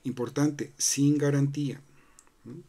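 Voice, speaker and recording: A man hosts a crypto channel, talking loosely over a screen-recorded walkthrough full of fillers and restarts, often asking "¿no?". His medium-pitched voice is warm, fairly even in intonation, and slow.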